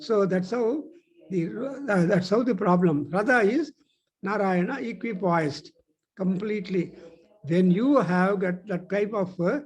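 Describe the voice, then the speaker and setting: A man gives a spiritual discourse in a high voice, moving at a very slow, deliberate pace. He teaches through stories and pauses with "uh" as he gathers his thoughts. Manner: explanatory storytelling, pausing with "uh". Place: teaching centre.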